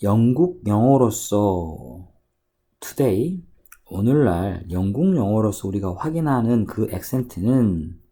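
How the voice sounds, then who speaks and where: A man teaching English at a cram school, walking through an exam passage by reading English phrases slowly and then explaining them. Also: lowish voice, sing-song, mellow, a little hiss or hum. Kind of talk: exam passage walkthrough lecture. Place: cram school lesson recording.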